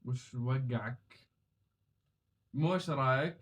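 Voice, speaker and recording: British guy, jeddawi saudi arabic accent, mixes in english, casual contestant chat, average pitch. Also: unhurried. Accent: Jeddah Hejazi Saudi Arabic. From United Kingdom. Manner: switches between Arabic and English. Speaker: challenge contestant.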